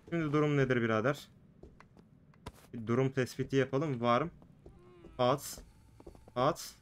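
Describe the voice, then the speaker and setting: A man's voice: medium pitch, slight background noise. A man with a mid-range voice gives chatty let's play commentary. He jokes and banters with the characters on screen and with his viewers as he plays. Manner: chatty, jokey, talks to the game's characters and the viewers. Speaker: gaming video host.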